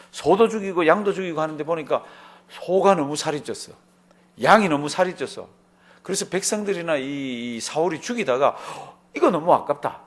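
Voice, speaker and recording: A man preaching an early-morning prayer sermon as pastor. He keeps asking the congregation questions and answering them himself, in an earnest, emphatic way. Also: fairly high pitch.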